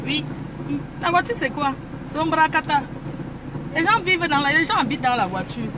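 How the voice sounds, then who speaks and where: Femme exubérante dans une voiture bruyante. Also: female voice, high-pitched, expressive, normal speed. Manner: boisterous, mixes French with pidgin English, exclaims "oh yes". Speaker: vlogger. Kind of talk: casual self-filmed car vlog. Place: inside a car at a drive-through. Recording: noisy car ambience. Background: car and engine noise.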